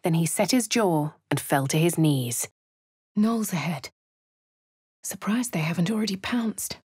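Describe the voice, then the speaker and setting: A woman with a fairly low, darkish voice delivers exaggerated, animated game voice lines at an unhurried pace, with no room sound. She's the player character, a posh fantasy adventurer whose narration and comments are refined, dry and composed. Her English diction is crisp and upper-class.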